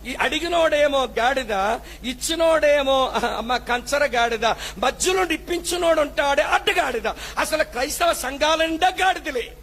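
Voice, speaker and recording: A pastor preaching a sermon in an impassioned, scolding way, swinging between shouts and hushed warnings. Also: male voice, very high voice, moderate pace.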